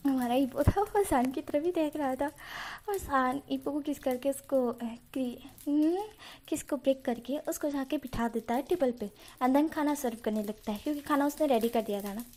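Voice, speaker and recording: A woman's voice: high-pitched, normal speed, a little mellow. Chatty woman narrating a fanfiction story. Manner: chatty, lots of fillers, addresses viewers directly. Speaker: channel host retelling fanfiction. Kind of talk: casual spoken story narration.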